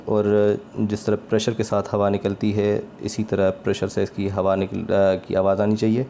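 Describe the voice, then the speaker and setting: A man teaching Quran recitation in a calm, patient spoken lesson, sounding out each letter slowly and repeating it. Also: on the low side, a little hiss or hum.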